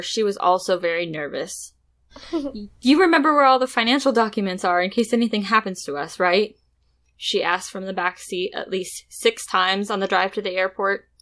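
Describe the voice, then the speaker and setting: A woman co-hosting a podcast, reading a story aloud in a steady storytelling way between casual chat. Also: medium pitch. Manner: steady storytelling read with light laughs. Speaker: podcast co-host.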